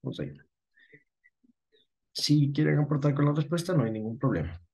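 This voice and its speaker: A man's voice: fairly high pitch, animated, moderate pace, gravelly, mellow. A man with an Ecuadorian Spanish accent, teaching a class patiently, often correcting himself and checking that students follow. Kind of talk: online class lesson.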